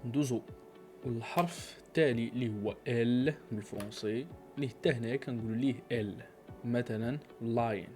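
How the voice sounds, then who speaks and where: A man's voice: medium pitch, fairly quick, a little mellow, faint music behind. A man with a Moroccan accent giving a patient language lesson, repeating each letter and example for learners. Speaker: language teacher. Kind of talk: instructional lesson.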